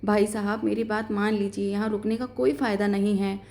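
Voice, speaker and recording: A woman's voice: medium pitch, level tone, a little fast, a little mellow, close to an everyday voice. A woman voicing a composed, practical older father who is a doctor, in a story reading.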